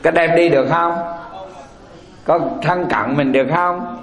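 A Buddhist monk giving a folksy sermon, often asking the audience rhetorical questions. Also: male voice, fairly high pitch, unhurried. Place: temple hall. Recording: echoey hall.

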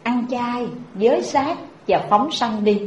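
A woman with a Southern Vietnamese accent voicing the Buddha as a calm male teacher, in a dull, echoey recording. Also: a little high, takes it slowly, slight background noise. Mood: solemn teaching. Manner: solemn, instructive.

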